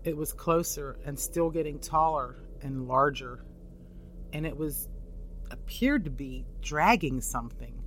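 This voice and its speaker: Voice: medium pitch, measured pace, a little hiss or hum, poor audio. A show host reading scripted true stories of the paranormal as a narrator.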